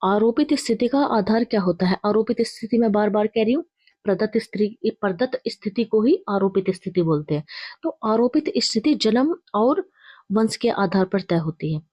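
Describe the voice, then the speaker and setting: A woman's voice: mid-range voice, animated, normal speed, dark tone, no room sound, clean studio sound. A woman teacher reading out exam quiz questions with their options, then explaining each answer and correcting herself along the way.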